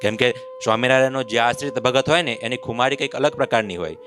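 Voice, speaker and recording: A man's voice: medium pitch, fast. A man preaching a devotional story, who acts out the voices of mocking villagers as he tells it. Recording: clear instrument music behind the voice. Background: musical instrument accompaniment.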